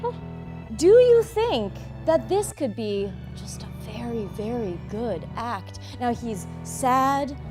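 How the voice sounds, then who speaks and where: A woman's voice: fairly high pitch, big pitch swings, takes it slowly, music in the background. A woman playing a theatrical, grandstanding lawyer in improvised comedy. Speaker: opposing attorney in improvised comedy courtroom.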